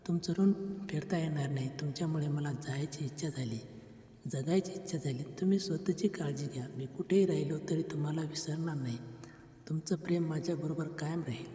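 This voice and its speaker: A woman's voice: sits low, fairly quick, warm tone, lightly acted. Woman reading a devoted young farmhand. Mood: heartfelt. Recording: roomy reverb.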